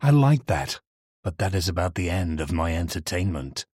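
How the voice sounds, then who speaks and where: A man voicing an old, lonely male street lantern in a storybook reading, complaining and daydreaming, with a husky voice. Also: low voice, sing-song, moderate pace, darkish tone, no room sound, clean studio sound, full character voice. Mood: grumbling.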